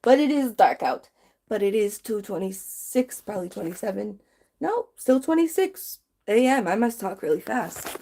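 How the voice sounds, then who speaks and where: A woman's voice: medium pitch, big pitch swings, normal speed, dark tone. A woman chatting casually on a late-night livestream, sleepy and yawning, rambling from one thought to the next.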